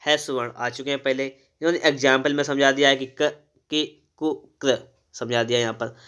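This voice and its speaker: A man's voice: mid-range voice, fairly even intonation, brisk, fairly bright tone, smooth. A man teaching a grammar lesson, reading from a book and explaining step by step, often asking a question and answering it himself.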